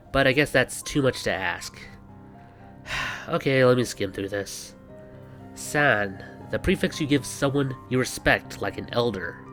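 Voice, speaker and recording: Music plays beneath a man whose medium-pitched voice sounds a bit bright. He hosts a scripted explainer with banter, sarcastic and wry, with the occasional exasperated aside.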